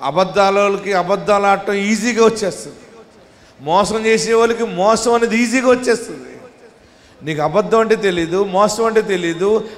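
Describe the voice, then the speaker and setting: Male pastor, high voice, impassioned live sermon with shouted calls, heard with long hall reverb. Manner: passionate preaching, shouting calls for hallelujah; mixes homely stories with rising exhortation. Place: large hall at a live church service.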